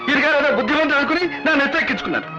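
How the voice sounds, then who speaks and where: An older actor playing an upright, stern judge who speaks reproachfully, heard as dull film audio over a music score. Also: male voice, very high-pitched, lively intonation, rapid-fire.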